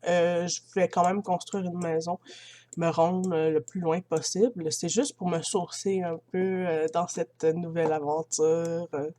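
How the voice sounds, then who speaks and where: A woman's voice: fairly low pitch, flat delivery, unhurried, warm tone, a little hiss or hum. A woman with a Quebec French accent giving casual commentary over a video game. She chats to her viewers, laughs easily and talks into a built-in computer mic. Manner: chatty, addresses viewers as friends, laughs easily. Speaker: gamer.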